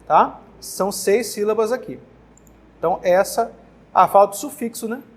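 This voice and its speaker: A man's voice: sits high, normal speed. A man with a Brazilian Portuguese accent teaching a grammar lesson for exam prep in a casual way, often restarting words and checking in with the class. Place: classroom with whiteboard.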